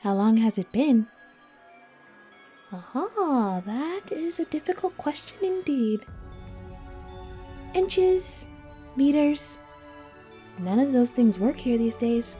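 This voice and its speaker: A woman voicing a teasing, riddling female cat from Wonderland in an audio roleplay, coy and playful with drawn-out, whimsical phrasing. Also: sits high, sing-song, mellow, faint music behind, heavily acted. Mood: coy, amused. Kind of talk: scripted audio roleplay addressed to the listener.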